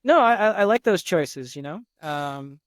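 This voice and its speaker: A man hosts a podcast interview, welcoming his guest and stumbling through his questions with plenty of fillers. His voice sits a bit higher than most men's and the recording is dry and close. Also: expressive, unhurried, no room sound. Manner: hesitant, many fillers and restarts. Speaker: podcast host. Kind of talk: interview hosting.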